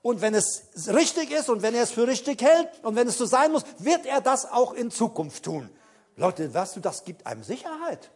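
High-voiced, animated man preaching. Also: slightly rough. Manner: dramatic, acts out Bible scenes, addresses listeners directly; emphatic, hesitant with fillers when recalling details. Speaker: pastor. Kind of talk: sermon.

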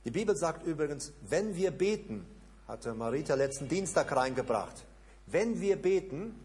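A male pastor preaching a sermon in a church service that is also streamed online. He repeats short prayer lines fervently and drops to a hushed, low voice when he prays them. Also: expressive, moderate pace, slightly rough.

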